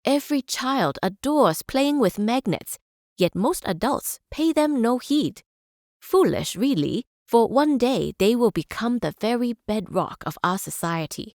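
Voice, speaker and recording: Measured, visionary chancellor-scientist, dry studio sound. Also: female voice, fairly high pitch, animated, a little mellow, dry recording. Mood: lecturing. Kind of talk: formal speeches and quotations in a strategy game.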